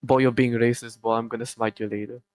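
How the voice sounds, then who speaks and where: A man's voice: mid-range voice, level tone, no echo, poor audio. A young man talking through casual interview answers in a mid-range voice. He hesitates often, restarting phrases and trailing into fillers. The sound is dry and close, with almost no room around it. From Malaysia. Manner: hesitant, many pauses and restarts. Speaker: group owner answering interview questions.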